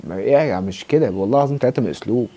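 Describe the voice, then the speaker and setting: A man's voice: mid-range voice, expressive, racing, dark tone, slightly rough. A young man with an Egyptian Arabic accent ranting sarcastically about new TV series in an exasperated, colloquial way. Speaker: TV series reviewer. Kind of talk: fast ranting review.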